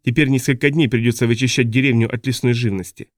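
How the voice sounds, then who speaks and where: A man's voice: medium pitch, fairly even intonation, fast talker, no echo, studio quality, natural voice. A man reading an audiobook, voicing a weary, blunt male village chief who explains things matter-of-factly.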